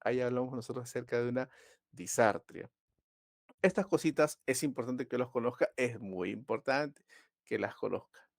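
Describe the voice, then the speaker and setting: A man teaches a live online class in a relaxed, conversational way. He pauses often with fillers and stops to ask whether his students are following. The recording is dry, with no room echo. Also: mid-range voice, gravelly.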